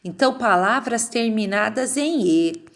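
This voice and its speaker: A woman teacher, correcting classroom exercises in a slow, patient way and stretching words out as she dictates them. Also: fairly high pitch, animated.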